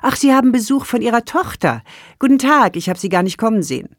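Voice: medium pitch, very animated, quick pace, dry recording, studio quality, pitched above the performer's own voice. A narrator voicing a cheerful nurse in a care home who raises her voice in a caring way. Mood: friendly. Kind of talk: audiobook character dialogue.

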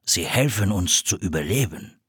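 Patient storybook seal hunter, slow measured words, low husky voice, as a man voices him. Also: lively intonation, fairly bright tone, no echo, clean studio sound, heavily acted. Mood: calm. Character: calm, kindly older male seal hunter.

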